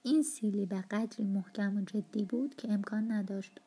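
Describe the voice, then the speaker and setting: A woman narrating an audiobook of a novel in a calm, steady storytelling manner. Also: medium pitch, slightly rough.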